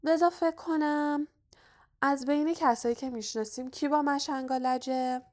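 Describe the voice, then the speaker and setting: A woman's voice: on the high side, expressive, voice pushed up. A woman narrator voicing a mocking, hot-headed young schoolboy wizard who talks in a sarcastic, indignant way.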